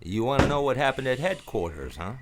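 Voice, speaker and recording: A man plays a world-weary, wry private detective in a noir radio play, giving terse, sardonic lines and first-person narration over guitar music. His medium-pitched voice swings widely in pitch, runs a little fast and sounds close to everyday speech, with a wry, probing mood and background noise.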